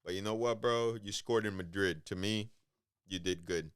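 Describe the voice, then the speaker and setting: A man's voice: on the low side, moderate pace, a bit bright, smooth, dry recording, studio quality. A man hosting a casual podcast monologue, rambling and profane, talking with many hesitations and calling listeners bro. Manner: loose, hesitant delivery with many ums. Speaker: podcast host.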